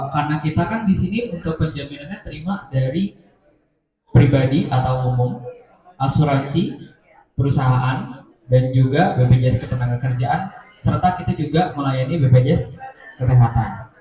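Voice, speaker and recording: A man's voice: mid-range voice, warm tone. A man hosting a gathering, taking questions from the audience and explaining hospital services. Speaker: event host for a hospital. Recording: very echoey room.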